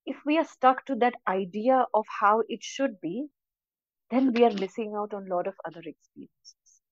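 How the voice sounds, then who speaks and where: A woman's voice: medium pitch, moderate pace, no room sound, dull audio. A woman with an Indian accent giving casual, earnest advice as a podcast guest, emphatic and slipping into Hindi phrases.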